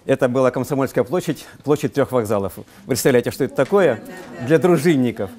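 A man's voice: mid-range voice, quick pace, darkish tone, a faint crowd. An older man reminiscing as an interviewee.

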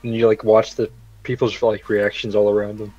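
A man's voice: fairly low pitch, little pitch movement, a little fast, a little mellow, no room sound, muffled recording, faint music behind. A man chatting casually as a guest on a gaming stream, rambling with lots of fillers and laughing often. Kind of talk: casual chat.

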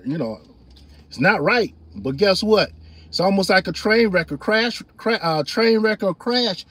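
A middle-aged man chatting casually on his livestream, animated and loose, laughing often and reading chat comments aloud. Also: high-pitched, unhurried. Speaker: livestream host.

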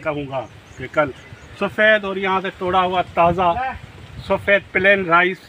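A middle-aged man from Pakistan, chatting and explaining in a relaxed way for his farm vlog, recorded outdoors in a mango orchard on a nearby camera mic. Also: high-pitched, unhurried, crowd noise, poor audio. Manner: relaxed and explanatory, eating and sipping while talking. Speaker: vlogger host. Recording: outdoor background noise.

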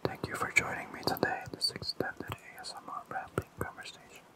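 An ASMR host rambling calmly in a fully unvoiced, slow and soothing whisper.

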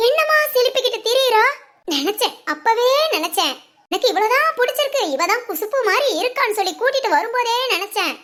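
Cartoon casting: woman doing a very high, sharp-voiced jealous mother-in-law who grumbles and scolds. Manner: grumbling, scolding lament, full of village insults. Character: scheming bitter older mother-in-law, jealous of her son's wife. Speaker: cartoon voice actor. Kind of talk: cartoon family drama acting.

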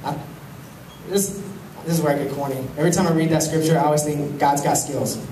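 A young man preaching a sermon on a handheld mic, animated, swinging from loud to hushed. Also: on the high side, a little fast, crowd noise. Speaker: pastor. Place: large church hall with stage. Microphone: handheld mic, filmed from the pews. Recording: echoey hall, far camera, faint hum.

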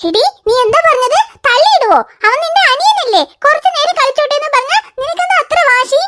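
A woman voicing a very high-pitched cartoon mom. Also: animated, brisk, background noise. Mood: scolding. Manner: coaxing and sing-song with the baby, sharp with the older child. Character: young mother, patient but quick to scold. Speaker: cartoon mother. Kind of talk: home-made cartoon voice acting.

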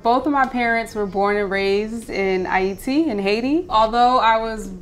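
A woman's voice: fairly high pitch, unhurried, smooth, soft background music. A woman in her thirties from Philadelphia, a research scientist, speaking reflectively about family and food. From Philadelphia, USA. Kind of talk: documentary interview.

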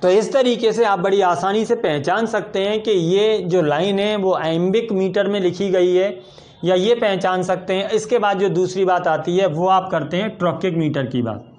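A man's voice: sits high, moderate pace, darkish tone. A man teaching English poetry meter in a patient, methodical way, counting out stressed and unstressed syllables step by step. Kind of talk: explanatory lesson.

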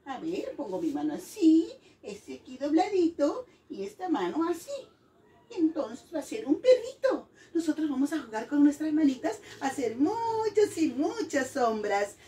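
High-pitched lady teacher, singsong with little kids, mic kinda far off. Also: normal speed. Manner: animated, singsong, coaxing children. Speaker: teacher of young children. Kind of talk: playful online lesson for children.

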